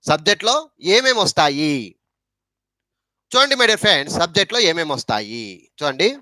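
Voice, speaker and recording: A man's voice: fairly high pitch, very animated, moderate pace, bright, forceful tone, dry recording. A man with a Telugu accent teaching an English grammar lesson, repeating points and asking rhetorical questions.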